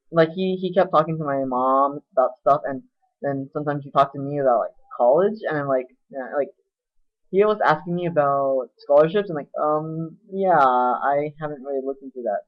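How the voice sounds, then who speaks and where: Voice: medium pitch, normal speed. A teenage student in casual chat, rambling through a story with lots of fillers. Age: late teens. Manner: rambling, heavy use of filler "like". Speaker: student co-hosting a webcam chat. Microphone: built-in webcam mic. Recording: lo-fi webcam audio.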